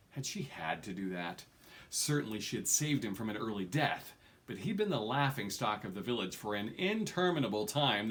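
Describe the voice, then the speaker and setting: At home in a small furnished room, a middle-aged amateur reader performs a fantasy novel aloud, expressively leaning on key words. His voice is medium-pitched and a little bright.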